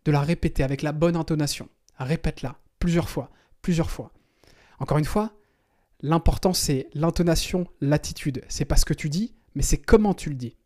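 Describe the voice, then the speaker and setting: Un homme, coach en prospection commerciale, qui enseigne de façon directe et familière et qui joue des exemples d'appels. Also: male voice, on the high side, normal speed, warm tone. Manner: direct, addresses the viewer informally, acts out sample calls. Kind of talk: teaching a cold-calling technique.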